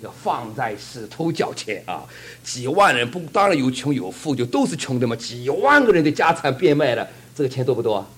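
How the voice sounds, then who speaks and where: Husky guy preaching, swings his voice way up and down, kinda high, keeps asking the crowd questions. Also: sing-song, fairly quick, few pauses, a bit bright. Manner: fervent, with rhetorical questions to the congregation. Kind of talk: sermon with testimony storytelling.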